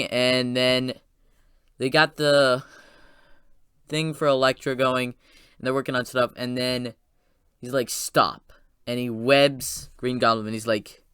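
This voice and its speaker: A man giving a casual, rambling spoiler recap of a movie, excitedly retelling scenes with lots of "like" and restarts. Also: medium pitch, smooth, no echo, studio quality. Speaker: movie reviewer.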